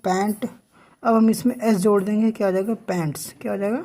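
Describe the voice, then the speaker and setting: Speaking fast in a warm, mid-range voice with little pitch movement, a woman teaches English sounds by spelling words out letter by letter. She asks questions and answers them herself, often repeating "ठीक है", in what is a slow classroom-style explanation.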